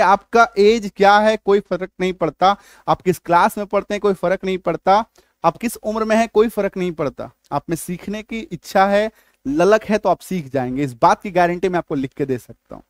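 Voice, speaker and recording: A man with a high, bright voice explains spelling rules slowly and patiently. He keeps pausing to check that the learner follows along. The recording is dry and close, with little room sound. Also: no room sound. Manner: repeats checks like "ठीक है?" and "आया समझ में?" often. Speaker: English teacher. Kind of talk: spoken spelling lesson.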